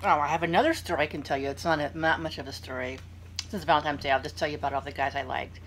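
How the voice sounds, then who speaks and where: A young woman with a low voice hosts a casual eating vlog, talking to her viewers between bites. She rambles in an unhurried, self-deprecating way. Clear background noise sits behind her voice. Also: fairly even intonation, a bit bright. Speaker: vlogger hosting a mukbang.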